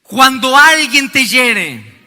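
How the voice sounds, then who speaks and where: A male pastor preaching a sermon, his voice swinging high and low and sometimes rising to a shout. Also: lively intonation, slow. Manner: preaching with sweeping rises and falls, shouting at times. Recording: long hall reverb.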